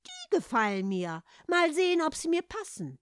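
A woman's voice: high voice, huge pitch swings, moderate pace, no echo, clean studio sound, voice pushed up. A woman voicing a sly, bossy talking tomcat who scolds and schemes, in a read-aloud fairy tale. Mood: scheming, bossy.

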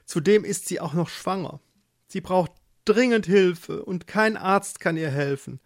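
For a children's storybook, a storyteller voices a worried, timid working man who pleads anxiously. The delivery is mid-range, a little slow, and pushed up, yet still natural.

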